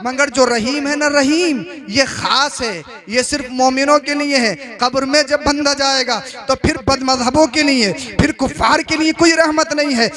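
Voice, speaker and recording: A man preaching a religious sermon who repeats his phrases and builds to impassioned shouting. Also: very high voice, fairly even intonation, normal speed. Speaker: Islamic preacher. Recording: live event with crowd behind.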